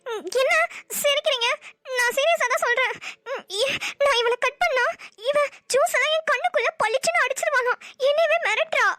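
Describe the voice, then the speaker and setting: A woman voicing a jumpy young cartoon wife who scares easily and pleads in a whiny, excitable way. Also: extremely high pitch, fairly quick, dry recording. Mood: puzzled. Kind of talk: cartoon voice dubbing.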